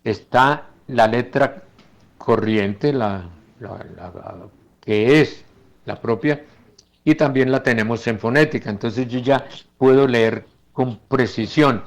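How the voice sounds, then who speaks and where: A man teaching English phonetics in a lecture, slowly modelling English words aloud as he goes through slides. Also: mid-range voice.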